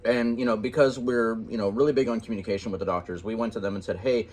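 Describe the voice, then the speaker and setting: A man's voice: lowish voice, fairly even intonation, fast, a little mellow. Joking man co-hosting a casual vlog. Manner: joking, chatty with fillers. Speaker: co-host. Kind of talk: casual chat over a meal.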